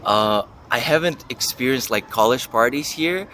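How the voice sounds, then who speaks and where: A man's voice: mid-range voice, animated, normal speed, bright, forceful tone, slight background noise. A young man giving casual interview answers as a university student, thinking aloud and hedging as he goes. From Russia and the US. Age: young adult.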